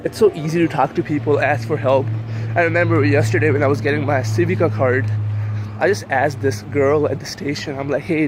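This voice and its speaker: A young man, Urdu his first language, vlogs casually on a handheld camera as he walks a city street amid traffic noise. His mid-range voice has a darkish tone, and his talk rambles with many fillers.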